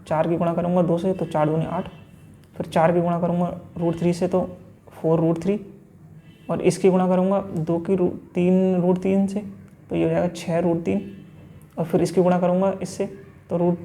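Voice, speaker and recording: A man's voice: high voice, mellow, slight background noise. A man teaching an exam-prep math lesson, working through each step aloud and answering his own questions.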